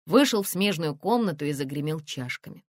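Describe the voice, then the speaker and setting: A woman narrating an audiobook in measured storytelling. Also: deep voice, lively intonation, no room sound, clean studio sound. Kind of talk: scripted narration.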